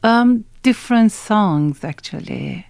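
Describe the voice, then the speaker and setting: An Iranian-accented woman speaks slowly and haltingly, pausing often and reaching for words as a radio guest. Her voice is mid-pitched and sits dry and close in the studio. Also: expressive, creaky, darkish tone, no room sound. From Iran. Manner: halting and hesitant, many pauses and fillers. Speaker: guest singer. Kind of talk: radio interview.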